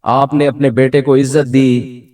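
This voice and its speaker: A middle-aged man giving a conversational religious lecture with humor, asking his listeners questions and acting out quoted voices. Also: mid-range voice. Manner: animated, humorous, asks the audience questions; acts out quoted voices within the talk. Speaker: Islamic scholar giving a talk.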